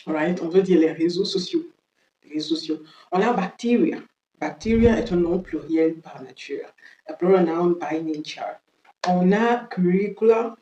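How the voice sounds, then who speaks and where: Slow, low-voiced woman teaching English. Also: mellow, echoey room, lo-fi sound. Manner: slow, drills words by repeating them. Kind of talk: French-language English lesson.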